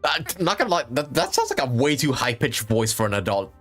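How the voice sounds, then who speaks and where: A man's voice: medium pitch, wildly swooping pitch, fairly quick, over music. A young man live-streaming a game, reacting with jokes, laughter and swearing. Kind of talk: casual live-stream commentary.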